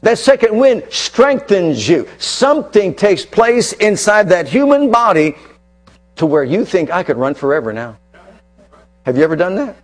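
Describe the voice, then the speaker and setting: A man preaching a sermon, repeating phrases for emphasis and swinging between loud declarations and hushed asides. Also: high voice, sing-song, unhurried.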